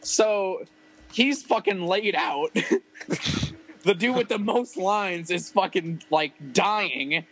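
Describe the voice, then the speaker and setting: High-pitched dude rambling thru a sweary story, like like like. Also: male voice, slow, a bit bright, breathy edge, rough recording. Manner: rambling, profane, filler-heavy. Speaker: rapper telling a story. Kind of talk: casual storytelling chat.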